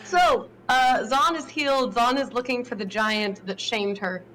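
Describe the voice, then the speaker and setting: Slightly high-voiced woman gamer. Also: measured pace, fairly bright tone, slight background noise, rough recording. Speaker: tabletop game player. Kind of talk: casual chat during a game.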